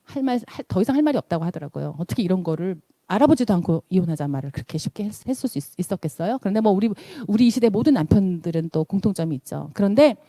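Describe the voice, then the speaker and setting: A woman's voice: expressive, quick pace, hardly any pauses, mellow, no room sound. A middle-aged woman from South Korea, an invited seminar speaker, tells a story in a motivational speech and acts out the quotes. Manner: storytelling, acts out quotes with big swings in pitch.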